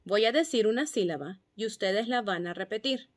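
A woman teacher patiently explaining phonics drills and sounding out syllables and letter sounds clearly. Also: medium pitch, normal speed. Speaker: kindergarten teacher.

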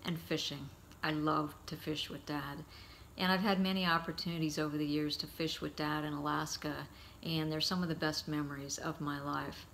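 A middle-aged man giving a heartfelt eulogy, telling stories about his father in a halting, storytelling way. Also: on the high side, flat delivery, gravelly, a little hiss or hum. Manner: warm, halting anecdotes with frequent pauses.

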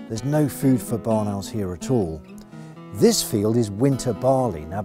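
A middle-aged man from the UK explaining wildlife habitat outdoors in a clear, enthusiastic instructional manner, on a lapel mic. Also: mid-range voice. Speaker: conservation educator. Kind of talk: instructional nature film. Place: outdoors in grass fields.

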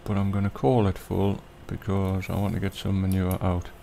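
A man giving relaxed, rambling commentary over a farming game, with lots of ums. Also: low voice, normal speed, vocal fry, a little hiss or hum. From Britain. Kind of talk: casual gameplay commentary.

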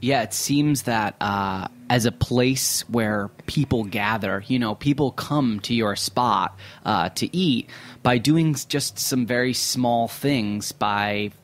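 Guy hosting a food podcast in a studio, middle pitch, chatty, lots of ums. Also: slow pace. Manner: conversational, thinks aloud with fillers. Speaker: podcast host. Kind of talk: studio interview. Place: radio studio.

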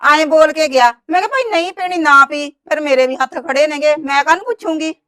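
A woman playing a high-voiced meddling village gossip. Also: brisk, pushed and bright. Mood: wheedling. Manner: wheedling, reports others' words. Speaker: actress. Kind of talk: village drama dialogue.

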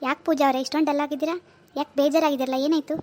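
A woman's voice: high voice, flat delivery, very fast, darkish tone, a little hiss or hum. A woman, performing a chatty, gossipy village comedy skit.

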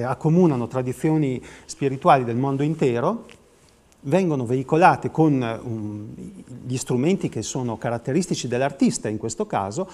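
A man's voice: a little high, mellow. A middle-aged man explaining his artwork as an interview guest, reflective and hesitant in his phrasing. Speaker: artist guest. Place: TV studio.

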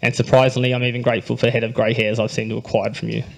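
A young man with an Australian accent reads a prepared groom's speech at a wedding reception, speaking into a handheld microphone. His delivery is dry and understated, with light jokes, frequent throat-clearing and a quiet emotional undercurrent. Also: medium pitch, flat delivery, rapid-fire, rough recording. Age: young adult. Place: wedding reception hall, indoors.

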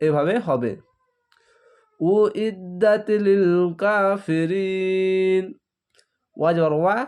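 Bangladeshi guy teaching quran letter by letter, high clear voice, real slow and patient. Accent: Bangladeshi Bengali. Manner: spells each letter and vowel mark aloud, then blends the syllables; recites verses in a slow drawn-out chant. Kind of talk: slow spelling-out recitation lesson.

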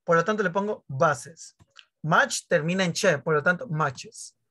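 A man teaches English over a video call, with a bright, ringing voice. He jokes and teases his pupils and plays out their questions in their voices. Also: a little high, a little slow. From Peru. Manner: joking, teasing pupils, acts out their questions. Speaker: primary school English teacher. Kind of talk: online class, explaining grammar.

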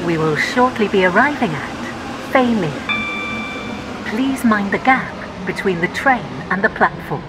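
A woman's automated onboard train announcement, made of spliced-together recorded words that jump abruptly in pitch and loudness. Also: slow pace. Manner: lively pitch with abrupt jumps between clips. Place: train carriage in a video game. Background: train noise and air conditioning.

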